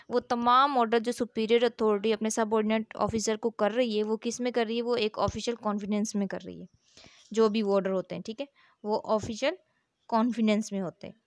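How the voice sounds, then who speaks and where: With a fairly high pitch and no room sound, a woman with a Pakistani accent lectures on law. She reads formal text aloud and explains it didactically, repeating points and asking rhetorical questions to check understanding.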